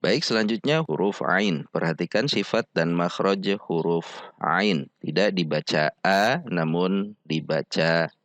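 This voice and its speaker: Slow, deep-voiced man teaching. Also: dry recording. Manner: patient, repeats syllables slowly for practice. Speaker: Quran recitation teacher. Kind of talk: slow step-by-step pronunciation lesson.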